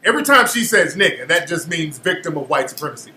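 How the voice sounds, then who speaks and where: A male host with a high, bright voice fires back at a clip he is playing, incredulous and challenging. He is recorded in an echoey room. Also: big pitch swings, fast talker, slight background noise. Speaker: show host. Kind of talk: commentary reacting to a played clip.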